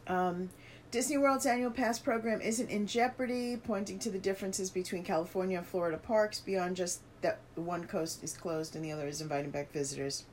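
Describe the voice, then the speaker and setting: A woman's voice: fairly low pitch, a little fast, a little hiss or hum. Chatty woman reading news with asides. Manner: reads aloud and adds asides, with fillers. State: has the hiccups. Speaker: podcast co-host reading news. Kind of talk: casual chat reading articles aloud.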